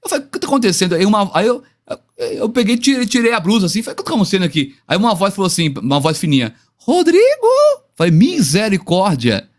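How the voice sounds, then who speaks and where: A man's voice: high voice, lively intonation, very fast. A man with a Brazilian Portuguese accent, a guest pastor telling a personal story with hesitant restarts.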